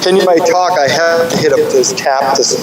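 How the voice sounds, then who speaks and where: A man's voice: fairly high pitch, brisk. A man calling into a meeting by phone, his crackly connection fading in and out as he talks hesitantly and restarts his sentences. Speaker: applicant calling into a commission meeting. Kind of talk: casual meeting talk. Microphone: phone over a remote call. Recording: distant, echoey, noisy phone call audio.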